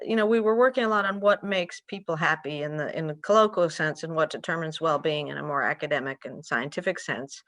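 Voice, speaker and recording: A woman's voice: on the low side, fairly bright tone, no echo, studio quality. An older woman from Peru, a guest economist, talking eagerly and at length on a video call from her home, with frequent restarts. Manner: enthusiastic, talkative, frequent restarts. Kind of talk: conversational interview answers. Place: home room with curtains and window.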